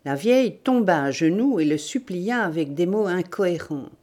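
A woman narrating a novel as an audiobook, in a measured, deliberate reading. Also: fairly low pitch, animated, a little mellow. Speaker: audiobook reader.

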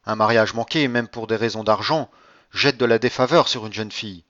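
A man's voice: fairly low pitch, steady tone, brisk, a bit bright, no echo, highs cut off, natural voice. A man voicing a proud, indignant French magistrate in an audiobook reading, speaking emphatically.

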